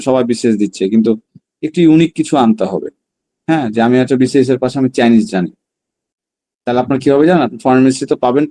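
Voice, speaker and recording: Mellow-voiced man teaching a language class. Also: medium pitch. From Bangladesh. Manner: drills words slowly, then explains in quick bursts. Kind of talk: online class lesson.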